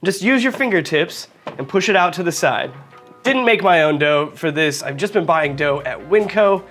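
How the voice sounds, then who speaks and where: High-voiced joking man hosting a cooking show. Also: animated, moderate pace, fairly bright tone, faint music behind. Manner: jokey, chatty, addresses viewers directly. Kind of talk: casual cooking demonstration.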